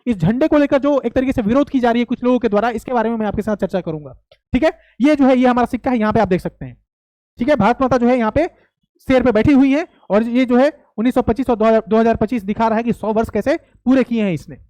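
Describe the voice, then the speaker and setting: Young male coaching teacher lecturing, high voice, dry close sound, emphatic and repetitive with rhetorical questions. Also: quick pace, dark tone, no room sound. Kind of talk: classroom-style lecture.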